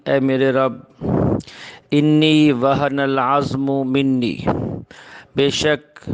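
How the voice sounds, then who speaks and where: Man slowly translating scripture phrase by phrase. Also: medium pitch. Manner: slow chanted recitation, then plain explanation. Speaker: Quran teacher. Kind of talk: word-by-word scripture translation lesson.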